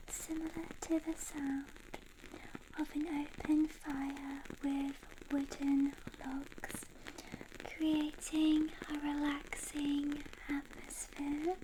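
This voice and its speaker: Slow ASMR role-play, woman as personal shopper. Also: sits high, background noise. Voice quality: breathy soft voice. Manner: soft, slow, gentle personal shopper presenting products.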